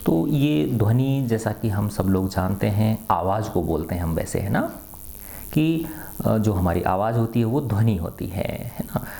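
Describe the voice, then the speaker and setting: A middle-aged man gives a science lecture to students in a lowish, gravelly, warm voice, animated but at a measured pace. He often asks questions and answers them himself, tagging his sentences with "है ना" to check for agreement.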